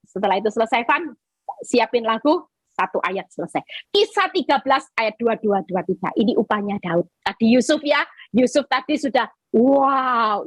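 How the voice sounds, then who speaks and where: Husky-voiced woman preaching emphatically. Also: dry recording, low-quality recording. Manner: emphatic, acts out quoted prayers with sudden high pitch. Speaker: evangelist preacher. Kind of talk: sermon. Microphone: video call.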